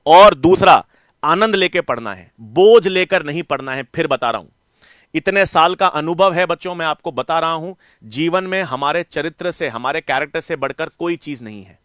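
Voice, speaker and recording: Here the same kind of online biology lesson comes from a middle-aged man whose slightly high, somewhat bright voice moves at a normal pace with lively intonation. Calling his pupils "beta" and "bachche," he coaxes them along and answers his own questions. No room sound; clean studio audio.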